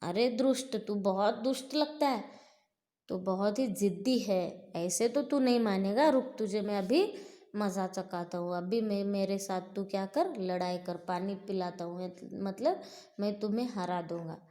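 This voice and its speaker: A woman voicing a boastful male demon who loudly threatens his foe in a storybook reading. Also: medium pitch, unhurried, natural voice. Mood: threatening. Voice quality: loud, threatening. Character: boastful male demon, angry then terrified.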